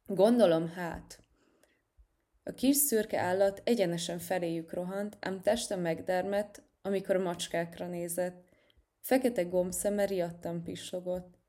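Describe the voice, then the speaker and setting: Mellow-voiced woman reading a children's story. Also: lowish voice, steady tone. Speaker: narrator.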